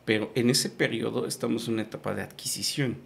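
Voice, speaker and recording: This Yucatecan guest, a Maya-first-language speaker from Yucatán, Mexico, patiently explains things in a conversational interview, full of fillers and restarts. His mid-range voice is creaky and fairly bright, with fairly even intonation and a fast pace. A faint hiss or hum sits under the recording.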